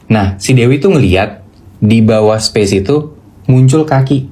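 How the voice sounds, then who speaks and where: A young man spins a ghost story in relaxed, slangy chat, building it up with animated retelling. His voice is warm and dark in tone, at an ordinary pitch. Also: a little slow. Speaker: storyteller host. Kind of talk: casual horror storytelling.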